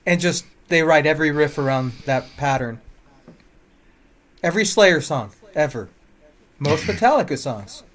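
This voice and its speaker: A man's voice: on the high side, moderate pace. A man co-hosting a music podcast, joking in casual chat and humming riffs. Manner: joking, animated, hums riffs. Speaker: podcast co-host.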